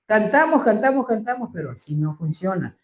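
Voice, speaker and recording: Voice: mid-range voice, big pitch swings. A Torah teacher leading a scripture class, often putting questions to the listeners and stretching out key phrases. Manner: asks the class rhetorical questions; slow, drawn-out emphasis on key phrases. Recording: roomy echo.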